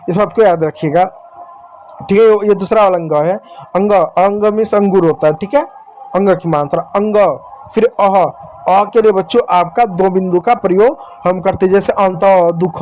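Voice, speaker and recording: Male teacher, high voice, patient and repetitive, slow drill of letter sounds for beginners. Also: a little mellow. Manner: patient, drills sounds slowly and repeats them, addresses viewers as children. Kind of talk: beginner Hindi reading lesson.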